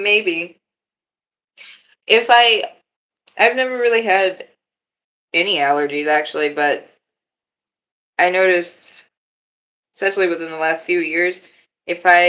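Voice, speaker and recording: A young livestreamer chats casually with her viewers, laid-back and giggling often while swearing freely as she responds to the chat. Her voice is lowish, deeper and fairly bright, and she speaks slowly with frequent pauses. The recording quality is low.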